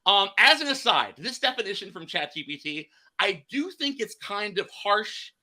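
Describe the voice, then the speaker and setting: A man's voice: high-pitched, very animated, moderate pace, pushed and bright. A man hosting a casual podcast chat, rambling and restarting his phrases. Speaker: podcast host.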